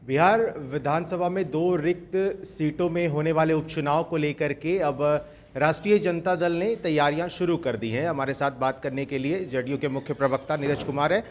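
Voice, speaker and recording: Measured male news anchor. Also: on the high side. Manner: measured, prompting the guest. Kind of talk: news interview questions.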